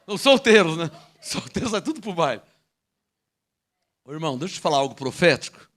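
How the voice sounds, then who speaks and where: A man with a Brazilian Portuguese accent preaching a lively sermon in church, joking with the congregation one moment and shouting proclamations the next. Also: on the high side, brisk. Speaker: pastor.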